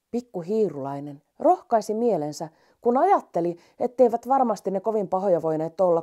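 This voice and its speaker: A woman reading a children's story aloud in a gentle, expressive storytelling manner. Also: medium pitch.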